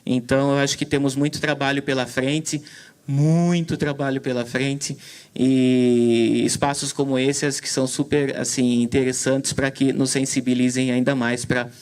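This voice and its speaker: Moderating a conference session, a man offers commentary on a talk at a moderate pace. His voice is mid-range, darkish and smooth with a flat delivery, and he hesitates often, using lots of fillers and restarting sentences.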